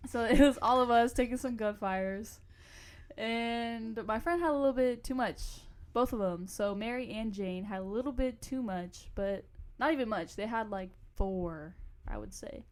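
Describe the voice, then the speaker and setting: Speaking at a moderate pace in a slightly high voice, a young woman co-hosting a podcast spins casual stories full of slang, wandering off and often losing her thread.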